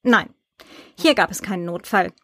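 A woman's voice: fairly low pitch, normal speed, dry recording, clean studio sound. A woman voicing a snippy, curt woman answering the phone in an audiobook.

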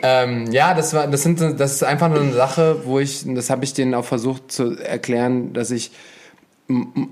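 A man's voice: mid-range voice, fairly even intonation, moderate pace, darkish tone. A man hosting a casual conversation, enthusiastic and slangy, talking in long rambling runs. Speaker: host.

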